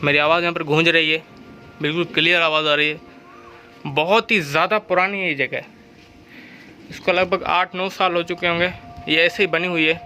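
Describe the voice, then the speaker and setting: A man's voice: a little high, flat delivery, normal speed, long pauses, sharp tone, soft background music. A young man vlogging on location, talking to the camera while his voice echoes inside an empty old hut. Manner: talks straight to the camera while walking around. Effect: voice echoing inside an empty hut. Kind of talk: casual vlog narration on location.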